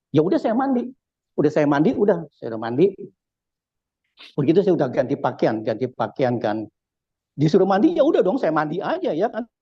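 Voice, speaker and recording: A man's voice: fairly high pitch, breathy edge, dry recording, lo-fi sound. A man from Indonesia with a Jakarta accent, giving a casual spoken church testimony and acting out the dialogue as he tells it. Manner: animated storyteller acting out dialogue.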